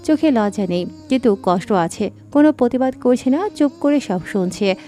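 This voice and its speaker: A woman narrating a dramatic story in a scripted, expressive reading. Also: on the high side, normal speed. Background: faint background music.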